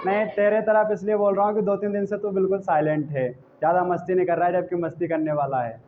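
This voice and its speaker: A man's voice: sits high, steady tone, fast. A man teaching English tenses in a coaching class, scolding and teasing students directly. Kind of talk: classroom English grammar lesson. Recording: tinny phone-like classroom recording with faint noise.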